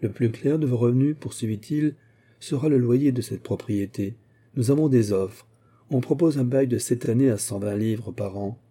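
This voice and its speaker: A man's voice: mid-range voice, normal speed, lightly acted. A man reading a kindly old guardian. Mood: earnest. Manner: gentle, fatherly, flustered. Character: kindly elderly male scholar and guardian.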